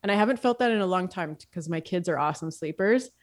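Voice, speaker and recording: A woman's voice: lowish voice, expressive, quick pace. Woman co-host, 30s, worn out from no sleep, loose casual chat with easy laughs and cursing. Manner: chatty, laughs often, swears casually. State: tired from lack of sleep. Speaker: podcast co-host.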